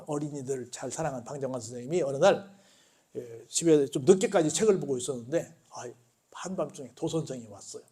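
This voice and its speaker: A man's voice: mid-range voice, fairly quick. A male pastor preaching a sermon in a church, asking the congregation questions and telling stories with animation. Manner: call-and-response questions, animated storytelling. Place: church sanctuary.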